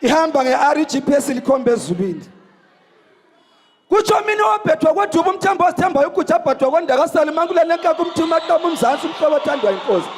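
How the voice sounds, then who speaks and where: A man reciting praise poetry in a forceful, declaiming manner, calling out lines in bursts. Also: very high-pitched, very animated, fast. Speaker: praise poet. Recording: echoey hall.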